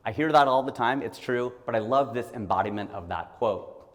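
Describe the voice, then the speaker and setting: Speaking at a normal pace with a medium-pitched voice, a man from Ohio in his forties presents a stand-up style motivational talk in a large hall. He keeps things conversational and funny, performing the voices of the people he quotes.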